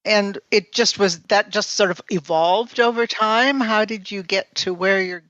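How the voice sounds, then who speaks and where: A woman's voice: medium pitch, a little slow, a bit bright, no echo, highs cut off. A woman hosting a podcast, reading an earnest intro and then asking an artist about her work. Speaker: podcast host.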